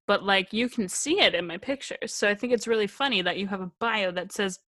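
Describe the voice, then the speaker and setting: A young woman co-hosts a podcast in easy, casual chat. She keeps breaking into laughter while she retells a story and reads messages aloud. Her voice sits at an ordinary middle pitch. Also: a little fast, a bit bright. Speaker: podcast co-host.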